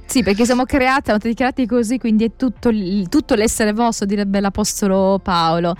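A woman's voice: medium pitch, brisk, darkish tone, dry recording, faint music behind. A woman interviewing a professor, prompting with engaged questions. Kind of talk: interview on religion.

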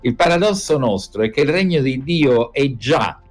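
An older man, a professor being interviewed, explaining in a measured, lecturing way. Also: mid-range voice, animated, soft background music. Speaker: professor guest. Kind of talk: interview on religion.

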